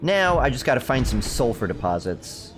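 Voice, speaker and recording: A man's voice: mid-range voice, sing-song, moderate pace, over music. A young man chatting casually while streaming a survival game, rambling through stories and answering his chat. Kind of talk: casual gameplay commentary.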